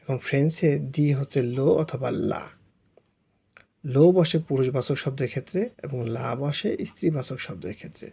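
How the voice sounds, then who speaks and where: A man's voice: medium pitch, dark tone, slightly rough. A Bengali-speaking man teaching French grammar, explaining it step by step with patient repetition and spelling words out letter by letter.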